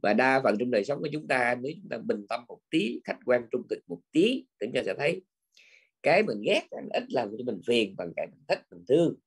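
An older man delivers a Buddhist teaching in an easy, conversational manner. His voice is husky and sits at an ordinary middle pitch. He keeps checking in with the listeners through short tag words as he explains. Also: big pitch swings, fairly quick. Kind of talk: dharma talk.

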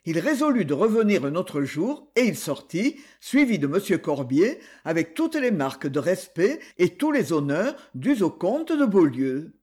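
Guy reading an audiobook, high voice, really animated up and down. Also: measured pace, hardly any pauses, breathy edge. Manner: expressive reading, voicing characters with quoted dialogue. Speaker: audiobook narrator. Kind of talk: scripted narration.

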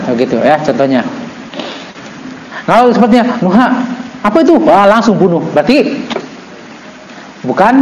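A man teaching an Islamic book study. He reads Arabic text slowly, then explains it with joking asides. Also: high-pitched, a little mellow, reverberant, slight background noise, poor audio. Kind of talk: religious book study lesson.

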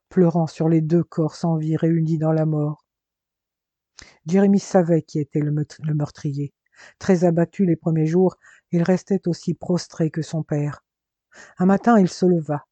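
A man narrating a dramatic story in an expressive reading style. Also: fairly high pitch, dry recording. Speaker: audiobook narrator. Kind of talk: scripted narration.

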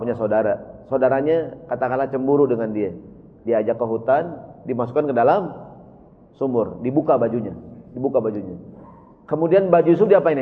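A male preacher, telling a story to his congregation in a lively, animated way. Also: a little high. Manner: storytelling, addresses congregation repeatedly. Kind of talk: sermon. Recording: tinny, phone-like, long hall reverb.

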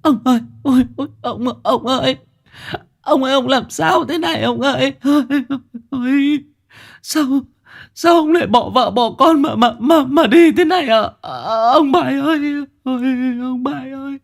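Man doing a shrill distraught old village woman. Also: big pitch swings, quick pace, darkish tone, breathy edge, exaggerated voice. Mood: wailing. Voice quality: shrill, wailing. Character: distraught older village woman, grieving widow.

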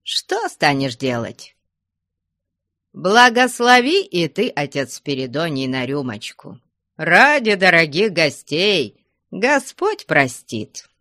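A woman's voice: sits low, big pitch swings, takes it slowly, bright, forceful tone, dry recording, clean studio sound, heavily acted. A woman reading aloud and voicing a jovial old male abbot who fusses over his guests in a sing-song, doting manner. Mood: mock-lamenting.

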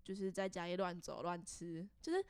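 A young woman, co-hosting a casual podcast and reacting with quick, lively comments. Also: fairly low pitch, smooth, no echo. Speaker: podcast co-host.

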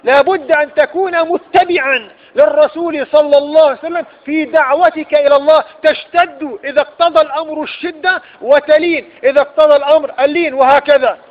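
A man's voice: very high-pitched, fairly even intonation, brisk. A man with an Egyptian accent giving a religious lecture, often asking rhetorical questions and repeating his points for emphasis. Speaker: preacher. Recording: dull lo-fi recording.

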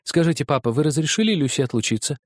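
A man voicing an anxious, dutiful young niece who speaks softly and politely in a somewhat raised voice. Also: fairly high pitch, very animated, fast talker, no room sound, clean studio sound, pitched above the performer's own voice. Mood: uneasy.

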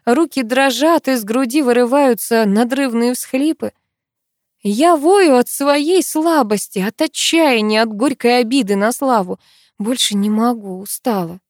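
A woman's voice: fairly high pitch, a little slow, no echo, clean studio sound. A woman reading a first-person story aloud as an audiobook narrator, with a tense, tearful, pleading delivery.

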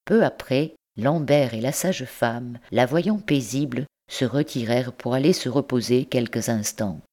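A woman narrating a novel as an audiobook reader, in measured, even storytelling. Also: extremely low pitch.

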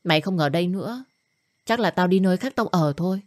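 A woman voicing a young woman who is the blunt, worried best friend, talking fast and scolding. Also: lowish voice, animated, lightly acted.

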